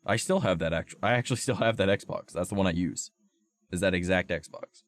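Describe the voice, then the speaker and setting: Low-voiced young man with a sore throat. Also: fairly quick. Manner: rambling, profane storytelling full of "like". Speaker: streamer. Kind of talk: casual chat to stream viewers.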